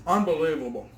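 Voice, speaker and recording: A man's voice: on the high side, echoey room. A man hosting an outdoor cooking vlog, tasting his fried fish with enthusiastic exclamations. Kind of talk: casual eating vlog.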